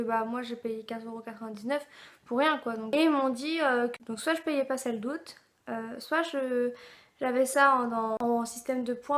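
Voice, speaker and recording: A young woman from France, vlogging a casual unboxing at home, rambling with lots of fillers and restarts. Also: sits high. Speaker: beauty and food box vlogger. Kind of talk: casual unboxing chat to camera.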